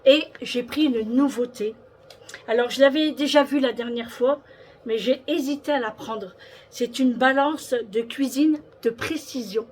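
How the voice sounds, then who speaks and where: A chatty woman vlogger talks through her shopping haul at an unhurried pace, stopping often to hesitate and repeat herself. Her voice sits a little high for a woman. A faint hiss runs under the recording. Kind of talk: casual shopping haul chat.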